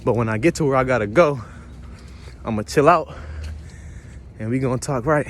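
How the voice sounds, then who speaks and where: A man's voice: mid-range voice, normal speed, a little hiss or hum. Breathless man vlogging while walking outdoors. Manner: rambling, profane, philosophizing. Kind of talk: casual walk-and-talk vlog. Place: outdoors by a pond.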